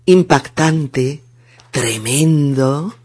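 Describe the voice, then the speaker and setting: A man with a Spain Spanish accent teaching a language lesson, explaining colloquial words deliberately and breaking them into syllables for students to repeat. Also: a little high, darkish tone, breathy edge.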